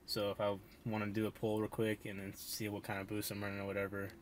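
A man's voice: on the low side, completely flat delivery, fast talker, a little hiss or hum. A young man vlogging outdoors, talking casually through his car's parts with lots of fillers and the odd swear word. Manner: laid-back, many fillers, casual swearing. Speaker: car vlogger. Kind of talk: casual walkaround car review. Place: outdoors behind a shopping store.

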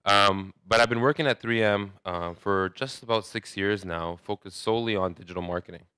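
A man in his thirties speaks at a conference, loose and conversational, restarting phrases as he goes. His voice sits a little low but rings bright and smooth, recorded dry and close. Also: a little fast, no room sound. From Saudi Arabia. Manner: conversational, many restarts and fillers. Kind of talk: conference talk. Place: large hotel ballroom, indoors.

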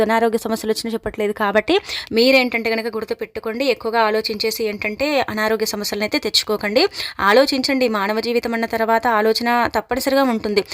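Fast-talking woman giving horoscope advice. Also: on the high side, dry recording, studio quality. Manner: rapid, repetitive filler-laden advice. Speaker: astrology presenter.

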